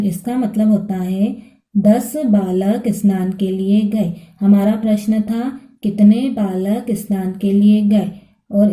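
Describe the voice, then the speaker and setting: A woman teacher speaks slowly and patiently, with a very dark, mellow tone. She explains each step of the lesson to her students and keeps checking that they follow. Her voice carries a clear echo from the room. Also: mid-range voice.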